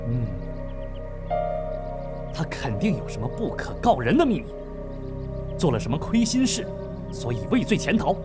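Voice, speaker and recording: A man's voice: on the high side, sing-song, moderate pace, pauses often, loud music behind the voice. A man playing a cocky modern young man trapped in an ancient-times game, talking boastfully and smugly in a comedy drama. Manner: boastful, smug.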